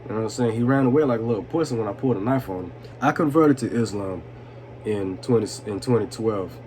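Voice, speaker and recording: Amid steady background noise in a noisy room, a twenty-something man vlogs personal stories in a fast, fairly low voice. Tipsy and rambling, he chuckles, swears, uses slang and keeps repeating "you know what I'm saying."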